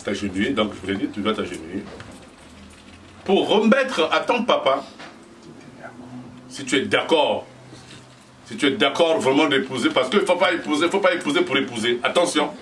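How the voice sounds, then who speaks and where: A man's voice: mid-range voice, lively intonation, moderate pace, pauses often, fairly bright tone. A man leading a dowry ceremony, speaking solemnly to the bride and guests with repeated, emphatic phrases and jokes. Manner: solemn, then joking with the crowd. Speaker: ceremony officiant. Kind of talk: addressing a crowd at a dowry ceremony. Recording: distant voice in a noisy crowd.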